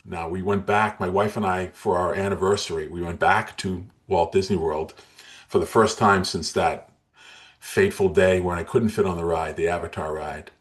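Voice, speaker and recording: A man's voice: low voice, fairly even intonation, moderate pace. A man in his sixties, an interview guest telling his story in an earnest, emotional way with frequent restarts. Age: 60s.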